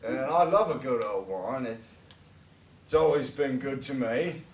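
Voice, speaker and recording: A man's voice: medium pitch, animated, unhurried, slight background noise. A man playing a bitter drunken old father on a college stage, rambling and stammering as he pleads and rails. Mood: wheedling. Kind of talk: stage play acting. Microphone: distant room microphone. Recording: echoey stage recorded from far off.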